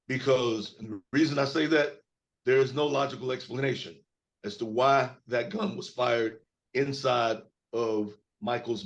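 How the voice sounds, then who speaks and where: A man who is an attorney answering press questions in a measured, deliberate way, sometimes slowing down and drawing his words out. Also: mid-range voice. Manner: measured and deliberate, at times slow and drawn out. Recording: dull lo-fi sound.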